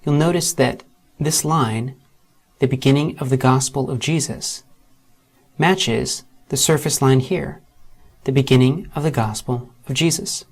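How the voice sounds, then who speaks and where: In this screen-recorded software tutorial, a man with a gravelly, medium-pitched voice guides viewers methodically through each step. He eases his pace to spell out terms and letters.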